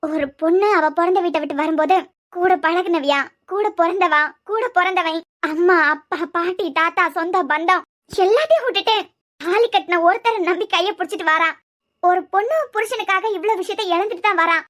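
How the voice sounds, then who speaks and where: A woman's voice: very high voice, fairly quick, a bit bright. A woman voicing a proud young wife in a cartoon series who fiercely defends her family, lecturing and defiant, with a Kanyakumari Tamil accent. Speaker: cartoon character. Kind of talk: cartoon web series dialogue.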